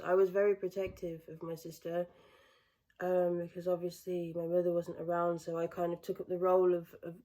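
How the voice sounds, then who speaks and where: Young northern English woman, lowish mellow voice, candid and reflective, lots of hesitant pauses; personal storytelling to camera. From northern England. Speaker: vlogger.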